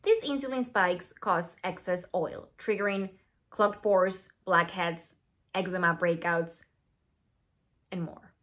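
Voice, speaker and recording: A woman from Venezuela, in her thirties and a native Spanish speaker, talks to camera from a script as a skincare founder, set in a plain indoor studio. Her voice is on the low side and slow, carrying a Venezuelan Spanish accent. The tone is playful and animated, with asides and whispers.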